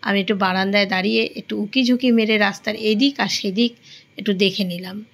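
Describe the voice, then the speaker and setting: A woman's voice: mid-range voice, steady tone, a little fast, vocal fry, a bit bright, low-quality recording. A middle-aged woman chatting casually to her viewers in a home vlog, addressing them as family and friends. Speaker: vlogger. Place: home, indoors and on a balcony.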